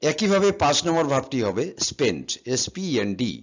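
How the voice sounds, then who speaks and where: Speaking briskly in a very animated, slightly high voice, a man explains verb forms in an English grammar lesson. He spells words out letter by letter with patience and answers his own questions, on a slightly dull, lo-fi recording.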